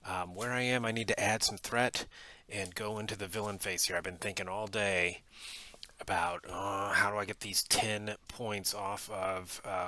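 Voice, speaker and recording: Casual host, male: deep gravelly voice, bright tone, murmured card-game play-by-play from a home basement. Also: no room sound. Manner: thinks aloud with frequent ums, quiet at times.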